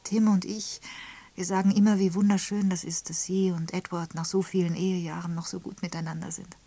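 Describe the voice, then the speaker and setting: A woman doing an upset young wife in a storybook reading. The voice is low and breathy, often dropping to a half-whisper. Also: little pitch movement, a little fast, dark tone. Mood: dismayed. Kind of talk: audiobook character reading.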